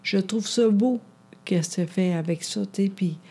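A woman's voice: mid-range voice, a little slow, dark tone, husky. A woman in casual chat, hesitant and searching for her words.

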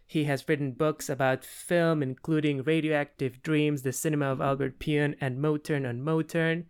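Brief: male podcast host, upbeat and eager, smooth resonant voice a touch high. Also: steady tone, moderate pace. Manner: enthusiastic, scripted intros. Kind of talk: podcast interview.

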